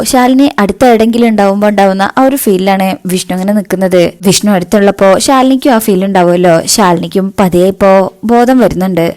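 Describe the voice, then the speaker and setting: A woman's voice: medium pitch, a little mellow. A woman casually retelling a television serial episode, reading out each character's lines. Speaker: serial recap narrator.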